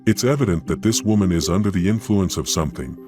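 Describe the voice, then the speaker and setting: A man's voice: low-pitched, expressive, fast talker, over music. A man reading scripted, ominous clip-show narration in a dramatic, sensational tabloid TV host manner.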